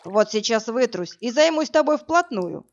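A woman voicing a burly, crude male thug who barks orders and mocks, in a rough, coarse, threatening manner. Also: on the high side, expressive, moderate pace. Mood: gruff. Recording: dull lo-fi audiobook, faint music.

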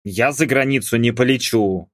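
A man's voice: mid-range voice, moderate pace, a bit bright, dry recording, studio quality, natural voice. A man voicing a stubborn middle-aged father who mumbles and grumbles his complaints. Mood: grumbling.

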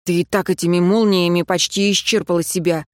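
A woman's voice: fairly low pitch, a little fast, no echo, studio quality, natural voice. A woman reading an audiobook, voicing a firm, protective young man who answers in short refusals. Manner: curt, flat refusals.

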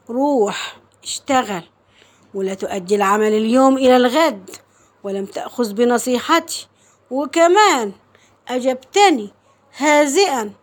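A woman with an Egyptian accent voicing a stern, hardworking female ant who scolds and lectures in a children's folk tale. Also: high voice.

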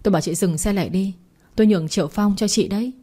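A woman's voice: medium pitch, fast, warm tone, slightly rough, natural voice. A woman voicing a frightened young woman who pleads urgently. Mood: pleading.

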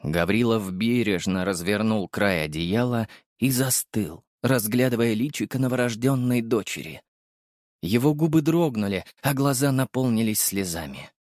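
A man narrating a first-person audiobook in a lively, wry and expressive manner. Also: lowish voice, moderate pace, no echo, clean studio sound.

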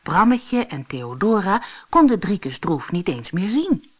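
A Dutch woman reading a children's fairy tale aloud with expressive storytelling. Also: medium pitch, a little slow. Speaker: audiobook reader. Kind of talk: scripted children's story narration.

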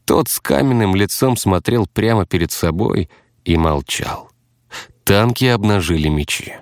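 A man reading an audiobook in a steady, matter-of-fact narration. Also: fairly low pitch, a little slow, no room sound, clean studio sound. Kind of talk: scripted narration.

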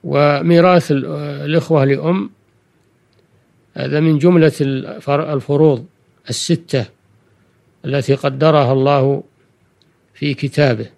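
An older man, a religious scholar, giving a Quranic lesson in formal Standard Arabic, deliberate and didactic, repeating key phrases. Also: a little high, a little mellow. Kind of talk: Quranic exegesis lecture for listeners.

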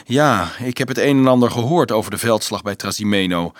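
A man's voice: medium pitch, lively intonation, moderate pace, no room sound, clean studio sound, close to an everyday voice. A man doing a wry, easygoing young student. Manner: light, teasing, evasive.

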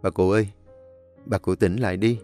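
A man doing a brisk male doctor. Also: lowish voice, fairly even intonation, dark tone, faint music behind, close to an everyday voice.

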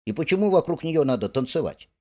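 A plaintive, pedantic little male mole from a storybook, put on by a man reading aloud. He sits high and nasal-sounding above the narrator's voice and rises and falls a lot. He talks in an aggrieved, nitpicking way. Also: sing-song, fast talker, a little mellow. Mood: fussy. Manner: whiny, pedantic complaining. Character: fussy plaintive male mole, slow-witted.

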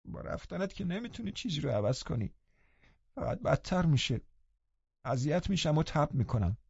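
A man voicing a sickly, self-pitying teenage boy who whines and complains softly. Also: fairly high pitch, sing-song, creaky, slightly rough, dry recording, dull audio, voice pushed up, exaggerated voice. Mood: whining. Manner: whiny, complaining, soft.

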